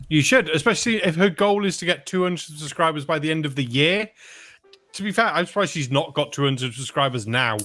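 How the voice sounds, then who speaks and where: A man's voice: on the high side, animated, sharp tone, faint music behind. A man hosting a casual poker stream, telling bad jokes and drawing out his reactions. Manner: joking, drawn-out reactions.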